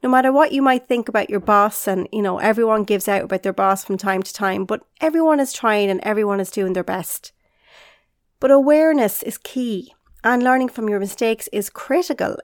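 Recorded at studio quality without any room sound, a woman with a mid-range voice runs her solo podcast. She's a leadership coach who speaks straight to the listener in an upbeat, encouraging way, though she's a little congested and nasal from illness.

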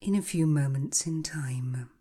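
A woman guiding a hypnotic relaxation in a soft, breathy, half-whispered voice, slow and soothing like a calming countdown. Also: sits low. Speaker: hypnotherapy guide. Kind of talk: guided hypnosis relaxation, scripted narration.

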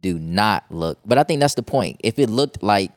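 A man's voice: fairly low pitch, lively intonation, normal speed, no echo, studio quality. A man hosting a faith podcast, reflecting in a preacherly way and quoting scripture. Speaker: podcast host. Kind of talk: casual faith podcast conversation.

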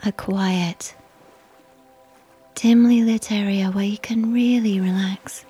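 A woman whispering a slow, soothing guided sleep meditation. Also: medium pitch, fairly even intonation, husky. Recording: soft music behind.

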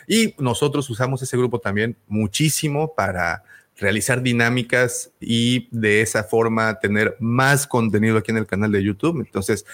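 A man's voice: mid-range voice, fairly bright tone. A man with a Mexican Spanish accent hosting a casual podcast, talking in a rambling way full of fillers and restarts. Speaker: podcast host.

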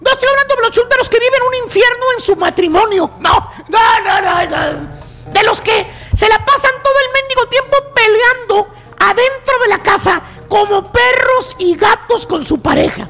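A man with a Mexican accent hosting a comedy radio show, mocking and rowdy, often breaking into shouts. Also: very high-pitched, expressive, normal speed, vocal fry, soft background music.

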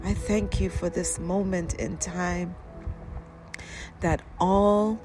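A woman performing a devotional spoken-word poem, drawing her phrases out slowly and often dropping into a whisper, over soft music. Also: fairly low pitch, steady tone. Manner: slow, drawn-out phrasing that drops to a whisper.

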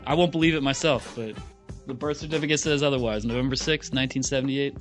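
A man's voice: mid-range voice, steady tone, fast talker, soft background music. A man in his late thirties chatting on a podcast with a wry, self-deprecating manner. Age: 30s. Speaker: podcast regular, blogger. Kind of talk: casual podcast chat.

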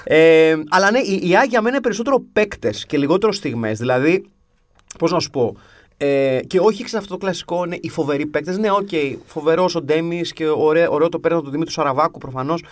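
A man's voice: on the high side, animated, no echo. A man chatting casually as a podcast co-host, telling stories with wry, grumbling humor. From half English. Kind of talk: casual chat.

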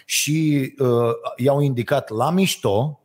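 A man's voice: mid-range voice, a little mellow, husky. A man hosting a casual podcast chat, hesitating often with fillers and retelling stories animatedly. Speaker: podcast host.

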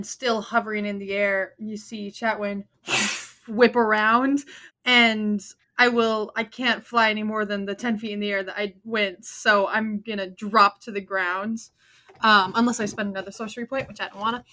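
A woman's voice: medium pitch, little pitch movement, normal speed, bright, forceful tone. A woman chatting casually as a player in a tabletop role-playing game, talking through her moves.

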